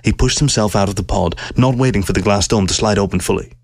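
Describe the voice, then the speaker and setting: A man with a low voice reads a science-fiction story in a steady, measured way. The sound is dry and close, recorded in a quiet home studio. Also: gravelly, no room sound. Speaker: narrator.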